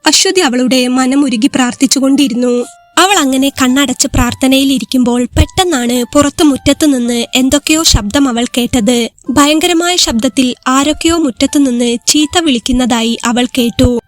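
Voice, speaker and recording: A woman reading a scripted story aloud in a steady, even manner. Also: high-pitched, normal speed.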